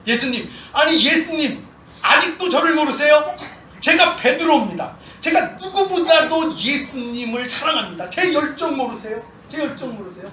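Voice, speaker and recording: A man's voice: very high voice, expressive, moderate pace, pushed and bright, pitched above the performer's own voice, exaggerated voice. A man voicing an eager, proud disciple who indignantly protests his loyalty. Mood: indignant pleading. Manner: indignant, pleading, raised voice. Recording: echoey hall, distant mic, noise.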